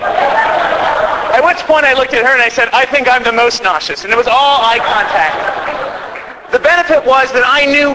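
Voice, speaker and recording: A man's voice: very high voice, in a large hall, noisy background. A man who is a priest, telling a chatty, self-deprecating comedy story to a live audience and acting out the quotes. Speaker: priest doing stand-up comedy. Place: parish hall with live audience.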